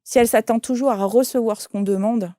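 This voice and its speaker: Woman telling a story, mellow. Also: on the high side, fast, no room sound, clean studio sound. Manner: lively anecdote telling, quoting voices. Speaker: shaman and medium. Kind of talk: interview storytelling.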